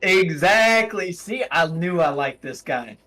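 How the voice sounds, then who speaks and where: A man's voice: fairly high pitch, normal speed. Boastful, laughing man player. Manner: boastful, jokey, laughs often. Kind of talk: casual tabletop play.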